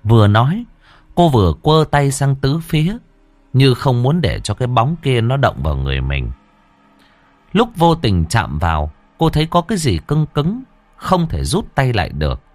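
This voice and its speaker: A man tells a ghost story, his pitch climbing and falling widely. His delivery swings from hushed to lively. The recording is close and dry. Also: moderate pace, dry recording, soft background music. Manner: expressive, shifting between hushed and lively. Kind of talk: scripted narration of a ghost story.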